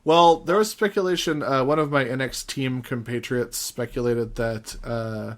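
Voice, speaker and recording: A man's voice: mid-range voice, fairly even intonation, moderate pace. A man hosting a casual podcast chat, laughing often and restarting his sentences. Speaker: podcast host.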